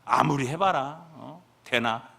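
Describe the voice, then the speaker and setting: A man's voice: mid-range voice, slow, vocal fry, pushed and bright, exaggerated voice. A man voicing a bold male prophet who taunts his rivals in a mocking, teasing way. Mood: taunting.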